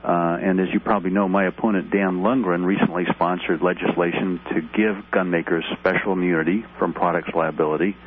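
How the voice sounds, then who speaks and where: A middle-aged man, an ER doctor running for Congress, calls in to a talk radio show and earnestly lays out figures in a steady stream. His low voice stays steady and brisk, with hardly any pauses, coming through a tinny phone line with faint noise.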